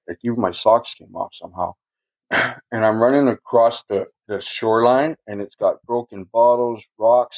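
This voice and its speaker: A man telling a long personal story in casual podcast talk, swearing a lot and chuckling as he rambles. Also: on the low side. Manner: profane, rambling, chuckles often. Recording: dull lo-fi recording.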